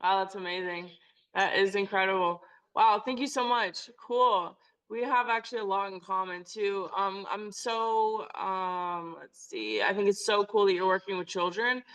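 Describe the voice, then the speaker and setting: A young woman hosting a podcast, chatty and effusive, full of fillers and warm praise for her guest. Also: mid-range voice, normal speed, smooth, low-quality recording. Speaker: podcast host. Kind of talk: casual podcast interview.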